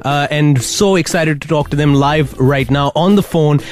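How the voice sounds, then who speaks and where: Enthusiastic male radio host, higher-pitched voice. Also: moderate pace. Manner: enthusiastic, emphatic, repetitive hype. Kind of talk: upbeat radio presenting and phone interview. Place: radio studio.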